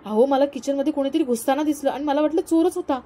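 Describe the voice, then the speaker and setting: A dutiful young daughter-in-law speaks meekly and reassuringly, as a woman narrator voices her. Her voice is soft, mellow and fairly high. She sounds devoted and calm. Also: fast, a little hiss or hum, close to an everyday voice. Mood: gentle. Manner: meek, reassuring.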